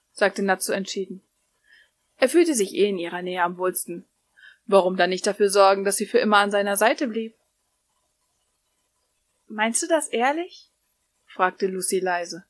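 Woman narrator, middle-pitched voice, steady unhurried story reading. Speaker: story reader.

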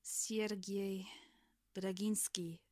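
A woman's voice: medium pitch, steady tone, moderate pace, dry recording, studio quality, close to an everyday voice. A woman voicing a reserved, wary young man in a storybook reading, speaking curtly and reluctantly. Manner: curt, reluctant, quiet.

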